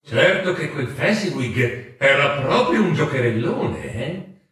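A man voicing a probing, knowing spirit who speaks slowly and questions gently in a storybook reading. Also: mid-range voice, sing-song. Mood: teasing. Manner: slow, questioning. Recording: echoey room sound.

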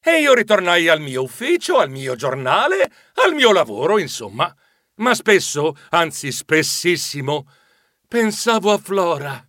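A man narrating a storybook audiobook in an expressive way. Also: a little high, dry recording, clean studio sound. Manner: expressive, flustered character voices.

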